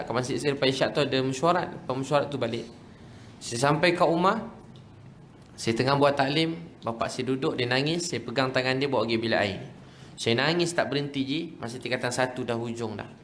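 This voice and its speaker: Malaysian preacher telling an emotional story. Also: male voice, medium pitch, fairly bright tone, slight background noise. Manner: emotional, acts out quoted voices, addresses audience directly. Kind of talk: storytelling sermon.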